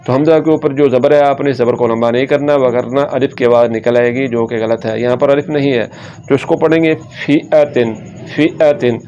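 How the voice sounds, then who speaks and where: A man teaching Quran reading rules, sounding out syllables slowly and patiently and pointing out common mistakes. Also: medium pitch, steady tone, warm tone, muffled recording, a little hiss or hum. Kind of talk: slow tajweed lesson, syllable drills.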